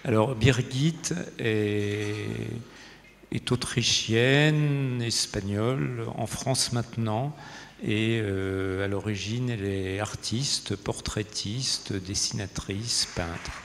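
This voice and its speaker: Slow, hesitant man in reverberant hall. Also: lowish voice. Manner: hesitant, pausing often mid-sentence. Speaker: conference speaker. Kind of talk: informal conference talk. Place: conference hall. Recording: reverberant hall, faint noise and audience.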